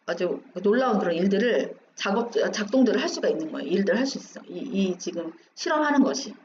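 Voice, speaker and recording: A woman's voice: medium pitch, animated, fast talker, darkish tone. A woman teaching English, going through an exam passage line by line, asking questions and answering them herself. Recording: dull roomy recording with faint hum.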